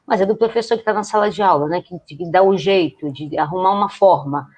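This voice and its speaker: Woman teacher trainer, lowish voice, reflective chat, keeps adding tag questions, video call. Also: brisk, darkish tone. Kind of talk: conversational remarks in a live video call.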